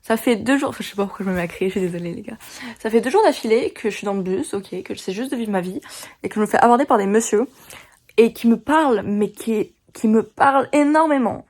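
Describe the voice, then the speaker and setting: A teenage girl from France telling a story in a chatty, animated vlog, venting about her day. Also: medium pitch, fast talker. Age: teens. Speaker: vlogger.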